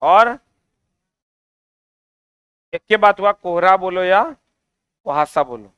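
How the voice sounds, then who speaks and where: High bright-voiced Bihari teacher. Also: male voice, slow pace, clean tone, no echo. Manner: chatty, teasing, coaxing students. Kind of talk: online exam-prep class.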